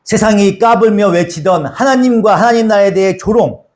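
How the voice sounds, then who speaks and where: A man's voice: high voice, moderate pace, darkish tone. A man preaching a sermon in a conversational, repetitive style, acting out quotes as he explains scripture. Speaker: pastor.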